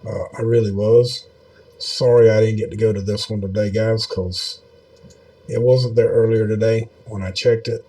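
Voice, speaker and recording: A man's voice: lowish voice, fairly even intonation, normal speed, warm tone. A man giving casual, rambling video commentary in a folksy, meandering way, with many fillers. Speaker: video host.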